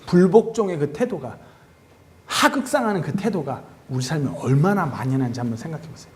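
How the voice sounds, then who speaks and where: Male youth pastor, sermon delivery, lively and expressive, pitched high. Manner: animated, acts out quoted dialogue.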